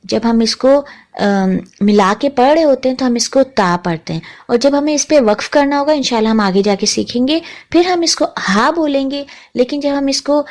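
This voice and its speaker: A woman's voice: sits high, a little mellow. Patient woman teaching Quran recitation. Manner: patient, spells out letters slowly and repeats sounds. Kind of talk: tajweed lesson, slow letter-by-letter instruction.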